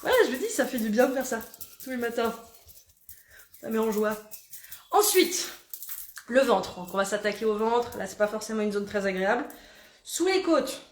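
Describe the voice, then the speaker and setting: Putting on a southern French accent, a woman body coach walks listeners through a brisk morning self-massage. She sounds animated, chatty and playful, slightly high-pitched, and happy to poke fun at herself. An echoey room surrounds her voice.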